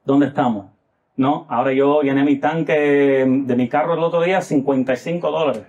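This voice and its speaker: A man's voice: medium pitch, a little fast, a little mellow, highs cut off. A man from the United States giving casual political commentary as a guest, hesitant, with many filler sounds and rhetorical tag questions.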